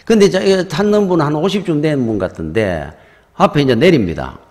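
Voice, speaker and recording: Speaking a little fast in a fairly high voice, this middle-aged Gyeongsang-accented pastor delivers a conversational, animated sermon full of stories. The church sanctuary gives the recording a reverberant sound.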